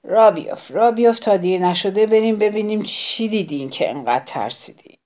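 A woman's voice: lowish voice, lightly acted. A woman voicing an irritable, sly male fox in a children's storybook, talking in a snappish, mocking way.

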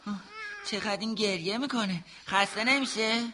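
Man doing a mischievous little boy, high voice, taunting, cheeky, noisy track. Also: sharp tone. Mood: coaxing. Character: teasing boy, mischievous neighbor kid.

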